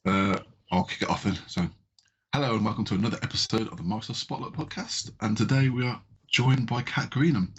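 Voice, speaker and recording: Fast-talking husky male podcast host. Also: fairly low pitch, a bit bright, muffled recording. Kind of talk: casual interview chat.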